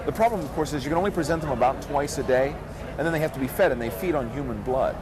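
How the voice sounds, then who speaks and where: Outdoors, among crowd chatter and street noise, a man who runs a flea circus answers a casual interviewer earnestly and reflectively. He is a fast talker with a fairly high voice, and the recording is low quality.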